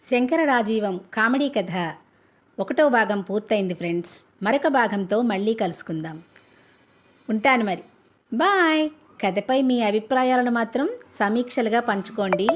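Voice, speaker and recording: Woman storyteller, high voice, friendly, reading a comic serial.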